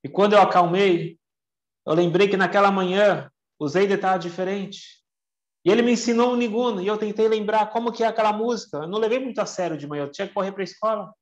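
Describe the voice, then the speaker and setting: An earnest young man , voiced by a male storyteller, recalls his grandfather in the first person, tearful and sincere. The voice sits a bit high for a man. It sounds roomy and echoey, with a dull, lo-fi tone. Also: fast talker, natural voice.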